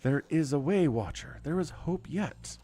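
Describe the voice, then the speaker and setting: A solemn goddess, as a male player reads her out in a fantasy game. The voice is lifted higher, with lively swoops and a lofty storytelling manner. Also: measured pace. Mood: urgent, solemn. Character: grave goddess speaking through birds, read aloud. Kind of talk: dramatic reading of game text.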